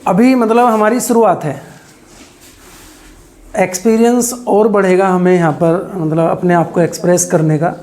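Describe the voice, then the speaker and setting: A man, a teacher, giving an earnest, halting speech at a small celebration, with many fillers. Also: high voice, steady tone, a little mellow.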